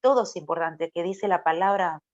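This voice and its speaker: A woman's voice: lowish voice, moderate pace. A woman with a Rioplatense accent preaching a conversational sermon, acting out quoted voices and tossing in rhetorical questions. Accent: Rioplatense Spanish. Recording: dull lo-fi recording.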